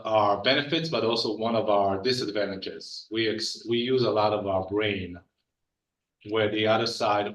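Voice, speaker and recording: A man's voice: lowish voice, fairly bright tone. A man in his forties from Israel, speaking on a panel in an earnest, personal way with frequent restarts. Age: 40s. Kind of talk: panel talk. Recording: echoey hall from far off.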